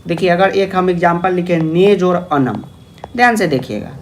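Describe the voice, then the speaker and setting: A man's voice: high voice, lively intonation, normal speed, slight background noise. A young man teaching grammar in an online lecture, affectionately calling students "babu" and asking their questions himself.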